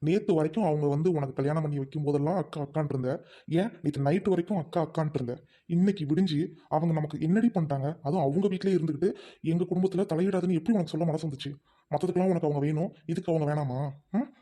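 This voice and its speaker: A performer plays a young husband caught between his wife and his elder brother. He lectures and reproaches at a quick clip in a mid-range voice. It is a Tamil audio drama. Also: medium pitch, dark tone, close to an everyday voice. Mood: angry.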